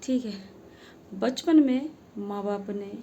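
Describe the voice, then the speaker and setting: A woman's voice: medium pitch, slow, warm tone, highs cut off, a little hiss or hum. Earnest woman telling a heartfelt story. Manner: earnest, emphatic, with rhetorical questions. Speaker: social media creator.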